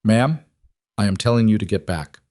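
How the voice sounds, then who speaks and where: A man voicing a stern male security captain who shouts orders at a crowd. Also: fairly low pitch, expressive, normal speed, no echo, studio quality, natural voice. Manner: shouting commands.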